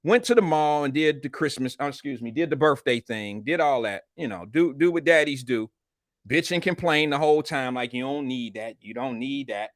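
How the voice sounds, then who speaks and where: Man, livestream host, slightly high voice, retainer in mouth, blunt slangy casual chat, dry close sound. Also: lively intonation, normal speed, dry recording. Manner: talking with a retainer in his mouth. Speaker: live show host. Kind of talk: casual livestream chat reading viewer comments.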